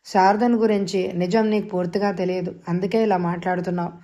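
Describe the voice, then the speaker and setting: A jealous, bitter middle-aged man who pleads and then flares up, as a woman narrator reads him. The voice is mellow and dark in tone. It is a dialogue scene from an audio novel. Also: fairly low pitch, little pitch movement, a little fast, close to an everyday voice. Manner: bitter and heated.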